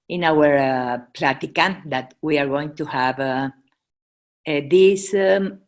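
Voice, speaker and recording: A Red Cross presenter, a woman whose first language is Spanish and who has a Mexican accent, gives an informal presentation in a low-pitched voice, halting as she searches for English words.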